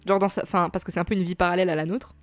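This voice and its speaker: A woman's voice: lowish voice, fairly even intonation, racing, no room sound, soft background music. A woman doing casual let's play commentary on a story game, chatty and gushing, with many fillers, reading text aloud.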